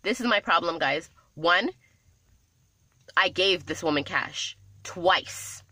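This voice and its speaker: A woman telling a story to camera in a casual vlog, exasperated and animated, often repeating herself. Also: lowish voice, slow pace, no echo. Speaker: vlogger.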